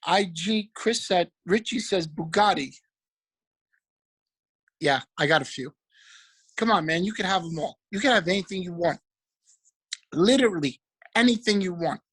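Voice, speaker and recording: A man giving an energetic, preachy motivational talk about trading, repeating affirmations. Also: high-pitched, moderate pace, pauses often, slightly rough, poor audio. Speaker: motivational speaker for a trading group.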